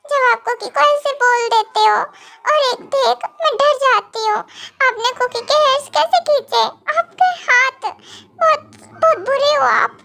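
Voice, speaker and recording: A woman's voice: very high-pitched, big pitch swings, normal speed, background noise. A woman voicing a clingy, tearful young wife who pouts and speaks of herself in the third person, in a fan audio drama.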